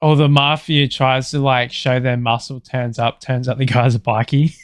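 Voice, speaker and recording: A man's voice: medium pitch, level tone, moderate pace, dry recording. Laid-back Australian man telling a story. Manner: rambling, swears freely, laughs often. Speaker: podcast co-host. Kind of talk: casual chat, storytelling.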